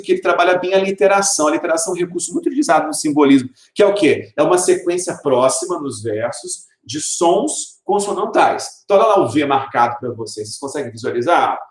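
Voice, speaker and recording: Brazilian male teacher, lively explainer who slows down to read verse, somewhat high-pitched, recorded in an echoey room. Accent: Brazilian Portuguese. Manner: explanatory, asks rhetorical questions and answers them; reads verse slowly and stresses sounds. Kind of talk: recorded literature video lesson.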